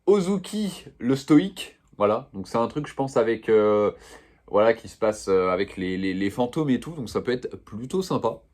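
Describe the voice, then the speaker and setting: A man's voice: lowish voice, animated, moderate pace, darkish tone. A young man showing off his manga purchases in a casual, slangy, rambling chat full of fillers. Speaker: manga vlogger.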